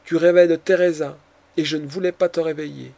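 A man's voice: on the high side, steady tone, a little fast, gravelly, a little mellow, no room sound. A man reading the part of a desperate, vengeful young countess in an audiobook, with impassioned, pleading delivery. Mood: intense.

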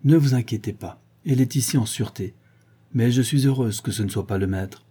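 Give me a kindly farm servant woman who soothes and reassures, as a male reader voices her in a storybook reading. The tone stays dark and mellow, with a husky grain. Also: mid-range voice, fairly quick, natural voice. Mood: soothing.

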